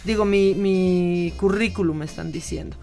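A woman's voice: lowish voice, fairly even intonation, moderate pace, dark tone, soft background music. Chatty radio co-host woman. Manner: chatty, joking. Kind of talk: casual chat.

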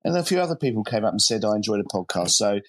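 A man's voice: lowish voice, big pitch swings, racing, slight background noise. A man chatting casually as co-host of a football podcast. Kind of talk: casual chat.

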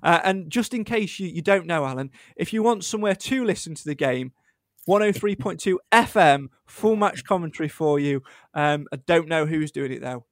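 A man's voice: on the high side, moderate pace, no echo. A man hosting a casual football fan show, chatting in a matey way and signing off to guest and viewers.

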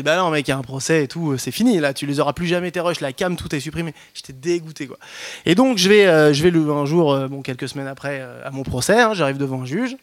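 Lively self-mocking man telling a story. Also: fairly high pitch. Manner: lively, self-mocking, many restarts and slang. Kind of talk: spoken personal anecdote.

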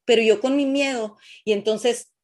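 A middle-aged woman with a Mexican Spanish accent telling the listeners her personal cancer story in a heartfelt, halting way. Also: fairly high pitch, fairly even intonation. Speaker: breast cancer patient sharing her story. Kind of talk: emotional personal testimony.

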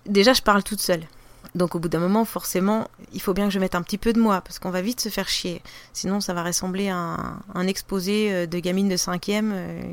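A woman's voice: mid-range voice, no room sound. French woman with a regional accent, chatty, lots of euh and restarts, laughs easy. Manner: loose and chatty, many fillers and restarts, laughs easily. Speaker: podcaster, interview guest. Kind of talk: casual interview chat.

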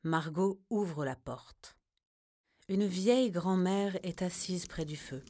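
A woman narrating a scripted children's story in a slow, gentle storytelling manner. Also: lowish voice, slight background noise.

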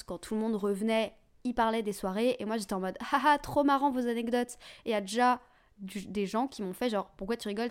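A young woman in her twenties hosting a podcast, talking candidly and chattily and laughing at herself. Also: fairly high pitch. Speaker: podcast host. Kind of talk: personal podcast monologue.

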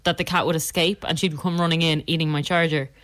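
A woman's voice: sits low, steady tone, fast, a bit bright, no echo. An Irish woman co-hosting a radio show, chatting casually and laughing often. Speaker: radio co-host.

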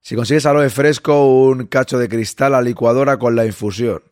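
A man, hoarse and losing his voice, hosting a live-stream podcast and chatting casually, greeting listeners and reading their messages aloud. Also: medium pitch, fairly even intonation, normal speed, darkish tone, dry recording, studio quality.

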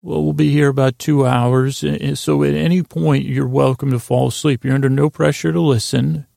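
A male sleep-podcast host delivers a rambling bedtime monologue in a very creaky, flat, medium-pitched voice, recorded clean in a studio with no echo. He meanders and halts, stammering through restarts and trailing off on tangents, with absurd, self-deprecating deadpan humour.

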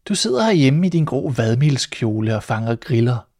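A man's voice: medium pitch, sing-song. A man reading a fairy tale aloud, voicing a sly, greedy tomcat who talks smugly and turns threatening. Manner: smug and sly, turning sharp and threatening. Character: sly greedy male tomcat, smug and menacing.

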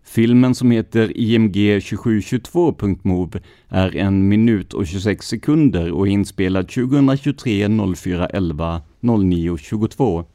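A man hosting a true crime podcast, reading police records in a measured, scripted narration. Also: on the low side, dark tone, no room sound, studio quality. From Sweden.

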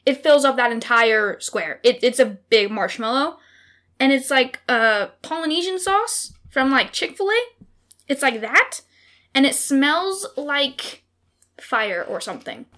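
A woman on a casual podcast, talking haltingly while eating a spicy food dare. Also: high voice, expressive, a bit bright. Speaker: podcast co-host doing a food challenge. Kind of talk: casual chat.

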